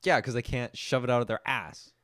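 A young man in casual chat, teasing his friend with dry, deadpan jokes. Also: mid-range voice, a little fast, dry recording. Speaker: podcast co-host.

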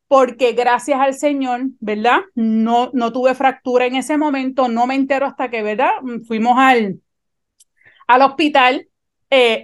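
A woman, telling a personal story in animated conversation and often checking that her listener follows. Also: high voice.

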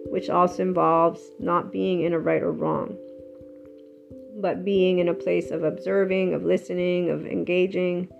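Gravelly woman musing on emotions. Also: on the low side, little pitch movement, a little slow. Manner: earnest, rambling, conversational. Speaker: self-help speaker. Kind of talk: reflective solo talk on emotions. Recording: slightly muffled with soft guitar music.

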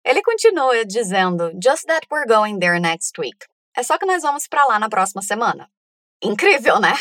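A woman, a native Portuguese speaker, teaching English pronunciation by modeling phrases slowly, word by word, for learners to repeat. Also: on the high side, big pitch swings, a bit bright, no room sound, studio quality. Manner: slow, deliberate word-by-word modeling. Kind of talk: pronunciation lesson with drills.

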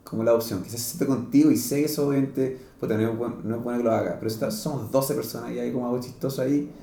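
A man's voice: medium pitch, steady tone, very fast, vocal fry, dark tone, reverberant. A man with a Chilean Spanish accent hosting a podcast, talking in a casual, rambling way with slang and many restarts. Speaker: podcast host. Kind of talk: casual chat.

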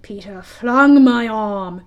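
A woman's voice: on the high side, dull audio. Woman playing Captain Hook, brooding and menacing. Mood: furious, vengeful. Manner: theatrical, dark, emphatic, drawn-out delivery. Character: brooding, menacing pirate captain, a vain villain.

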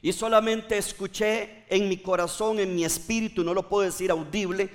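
A man's voice: high voice, steady tone, moderate pace, big-room sound. A male pastor preaching a fervent sermon, repeating phrases and urging the congregation to respond. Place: church.

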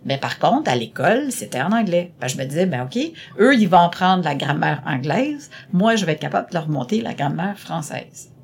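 A woman's voice: fairly low pitch, lively intonation, normal speed, creaky, hardly any pauses, husky. A middle-aged woman with a Québécois French accent answering interview questions in a chatty, rambling way, with many hesitations and repeated words. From Quebec. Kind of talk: casual conversational interview.

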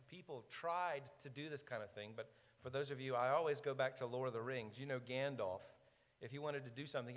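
A male pastor preaching in a relaxed, conversational way, tossing questions to his listeners. He sinks into a quiet, intent tone to drive points home. His voice rings with the long reverb of a large sanctuary. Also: mid-range voice. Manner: conversational preaching, drops to a hushed tone for emphasis. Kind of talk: sermon.

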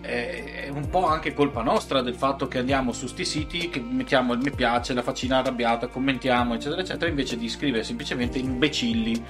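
A man's voice: medium pitch, quick pace, few pauses, music in the background. A man co-hosting a casual podcast, arguing with everyday examples and mock quotes. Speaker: podcast co-host.

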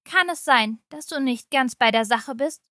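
A woman voicing a pushy, irritable mother-in-law while reading a short story aloud, her speech loud and indignant. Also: high-pitched, moderate pace, no echo, clean studio sound. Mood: irritated, pushy.

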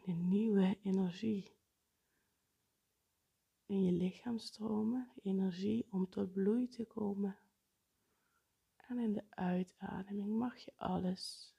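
A woman guiding a breathing meditation in a soft, partly whispered, unhurried way. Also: medium pitch, fairly even intonation, creaky, slightly rough. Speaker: meditation guide.

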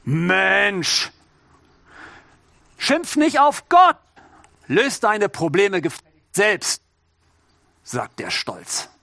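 A man's voice: high voice, sing-song, extremely slow, vocal fry, long pauses, pushed and bright, no room sound, heavily acted. Man voicing smug, boastful Pride. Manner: boastful, mocking, talks down to the listener. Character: the voice of pride, smug self-reliant know-it-all.

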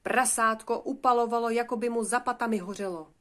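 A woman reading a children's fairy tale aloud in a lively, expressive way. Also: on the high side. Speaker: storyteller. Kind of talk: storybook reading.

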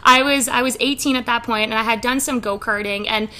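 A young woman racing driver, telling stories in a casual interview, animated and laughing often, with many fillers. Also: a little high, a little fast. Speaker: race car driver guest.

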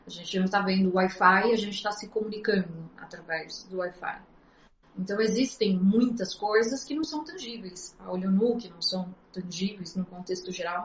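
A woman's voice: mid-range voice, a little hiss or hum. A woman in a casual interview, earnestly explaining things at a shifting pace. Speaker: astrologer guest. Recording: echoey, dull lo-fi sound.

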